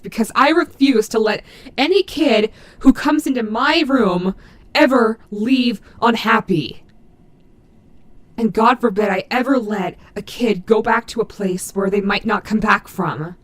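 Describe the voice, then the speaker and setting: A woman voicing a gruff but maternal animatronic wolf in an audio roleplay, fiercely protective, with halting, earnest, emphatic delivery. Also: fairly high pitch, lightly acted. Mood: quietly conflicted. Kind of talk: dramatic audio roleplay addressed to the listener.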